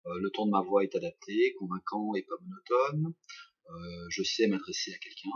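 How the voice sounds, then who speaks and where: A man's voice: lowish voice, sing-song, moderate pace, husky. A middle-aged male teacher with a French accent, giving recorded instructions from home with many fillers and restarts. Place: home, during lockdown. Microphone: webcam or laptop mic. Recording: muffled lo-fi webcam audio.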